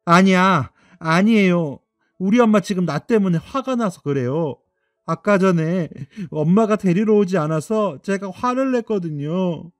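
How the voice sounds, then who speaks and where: A man's voice: high-pitched, lively intonation, no room sound, clean studio sound, faint music behind, pitched above the performer's own voice. A man doing a sobbing ten-year-old boy. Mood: pleading, sobbing. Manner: tearful, pleading, drawn-out cries. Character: upset ten-year-old boy, sulky then desperate. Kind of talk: radio drama acting.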